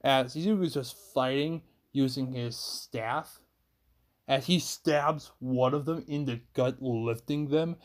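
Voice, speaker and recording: A man narrates an improvised fan story at a slow, unhurried pace. His pitch sits in the ordinary middle range. He rambles through the action, restarting sentences and stacking one clause after another. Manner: rambling, chains events with "as", frequent restarts.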